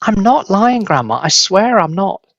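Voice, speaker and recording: Man doing an eager, high-pitched young boy. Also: big pitch swings, a little slow, dry recording, highs cut off, full character voice. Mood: defiant. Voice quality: shouting.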